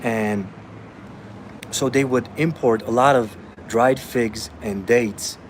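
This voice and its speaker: A man's voice: medium pitch, slow. Guy from austria, fitness coach, blunt and pushy, says bro a lot, bit of traffic noise behind. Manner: blunt and emphatic, calls listeners bro. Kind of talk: casual talk answering viewer comments.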